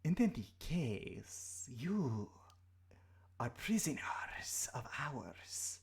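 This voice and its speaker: A menacing serpent-headed humanoid played by a man at a game table speaks in a breathy, whispered snake voice. The delivery is slow and formal, with a haughty threat in it and a lot of movement in pitch. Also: very animated, heavily acted. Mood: haughty, threatening.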